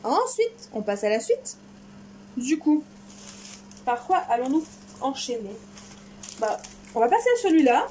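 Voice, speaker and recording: A high-pitched woman, chatting away eagerly as she unboxes her crafting parcels. Her voice is soft and mellow rather than bright, and a faint hiss sits under the home recording. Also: big pitch swings, unhurried, long pauses. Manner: enthusiastic, chatty, exclaims often. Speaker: crafting vlogger. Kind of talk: casual unboxing chat.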